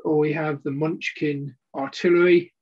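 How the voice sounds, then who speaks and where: A middle-aged man presenting an unboxing video, talking through components off the cuff in a hesitant, halting way and often rephrasing himself. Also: on the high side, steady tone, muffled recording. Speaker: presenter of a board game unboxing. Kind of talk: unboxing video commentary, unscripted walkthrough of components. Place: indoor hobby room at a table.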